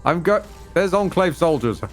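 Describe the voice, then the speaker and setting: A man's voice: a little high, lively intonation, moderate pace, music in the background. A man co-hosting a game stream in casual banter, rambling and joking in a wry way. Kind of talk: casual gaming banter and commentary.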